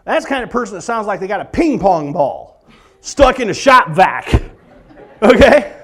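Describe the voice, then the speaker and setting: Middle-aged man, church comedy set, very high and lively voice, big shouted punchlines. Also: normal speed. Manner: animated, exaggerated, bursts into shouts. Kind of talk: stand-up comedy before a church crowd. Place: church event hall before a live audience.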